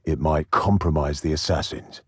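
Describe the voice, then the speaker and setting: An actor playing a deranged, sadistic Victorian serial killer in a video game, with a gravelly, husky British voice and a theatrical, taunting delivery. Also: male voice, rumbling low, a bit bright, no room sound, clean studio sound, heavily acted. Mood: cold menace. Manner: theatrical, taunting, drawn-out menace.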